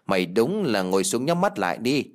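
A man's voice: medium pitch, big pitch swings, a little fast, lightly acted. A man voicing a blunt, scolding old male village shaman in a spoken ghost story. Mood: gruff.

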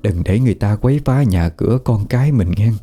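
A man voicing a stern, steady old grandmother who speaks firmly and plainly in a ghost story. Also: on the low side, fast talker, soft background music. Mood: praying.

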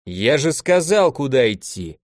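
A man's voice: medium pitch, big pitch swings, measured pace, no echo, clean studio sound. A man voicing a defiant young man who talks in curt, growling bursts. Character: defiant young man, gruff, quick to anger.

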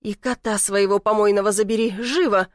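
A woman's voice: medium pitch, steady tone, fairly quick, no room sound, clean studio sound, close to an everyday voice. A woman voicing an angry young woman who scolds sharply and shrilly, read as an audiobook character. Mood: scolding.

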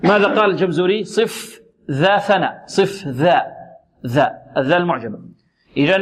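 A man teaching Quran recitation rules on a radio program. He asks questions and answers them himself, and he demonstrates letters slowly with repetition. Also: fairly high pitch. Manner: demonstrates sounds slowly and repeats words. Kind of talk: tajweed lesson on an Islamic radio program.

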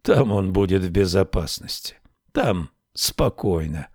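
A gloomy, tired old king speaks slow, low and muffled, each line weighed down with a sigh, as the man reading the book voices him. The sound is a dry, close studio read with no room around it. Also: lively intonation, a little mellow, dry recording, full character voice. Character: weary brooding old king, male. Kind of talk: audiobook character voice.

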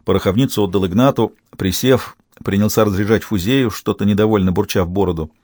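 A man reading an audiobook with steady storytelling narration. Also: lowish voice, fast, dry recording, studio quality.

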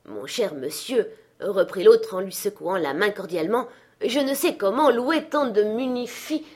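Woman reading as an amazed old gentleman. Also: mid-range voice, expressive, a little slow. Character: distinguished old gentleman, astonished and grateful.

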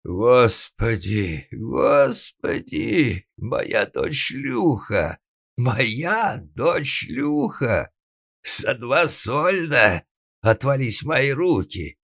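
Man voicing an old father, furious, bellowing, wailing laments, lively raised pitch, dry audiobook sound. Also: dry recording, heavily acted. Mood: raging. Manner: shouting, lamenting, drawn-out cries. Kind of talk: audiobook narration.

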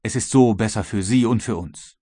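A male audiobook reader voicing a worried but resolute ship captain, with a husky voice. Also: fairly low pitch, moderate pace, dark tone, dry recording, studio quality. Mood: earnest. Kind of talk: audiobook reading.

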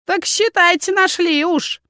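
A woman voicing a thin, toothless old crone in an audiobook, with a shrill, barking, mocking way of talking. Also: measured pace, bright, forceful tone, dry recording, studio quality, heavily acted. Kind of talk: audiobook reading.

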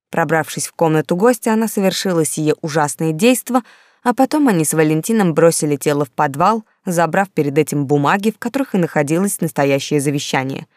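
A woman narrating an audiobook with steady storytelling. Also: fairly low pitch, dry recording, studio quality. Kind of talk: scripted narration.

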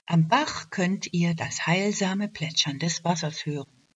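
A woman's voice: fairly low pitch, a little slow, slight background noise, lightly acted. A woman doing a dry lecturing forest expert. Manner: lecturing and matter-of-fact. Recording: dull lo-fi radio recording.

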